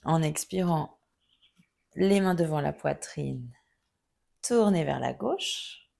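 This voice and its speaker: Slow, gravelly-voiced woman yoga teacher. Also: low-pitched. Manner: calm, gently guiding cues. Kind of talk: guided yoga instruction.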